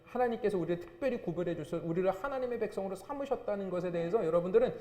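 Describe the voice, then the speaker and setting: A man's voice: high voice, animated, racing, mellow. A man, a pastor, preaching a sermon with emphatic, rising and falling delivery. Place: church sanctuary. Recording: echoey church hall.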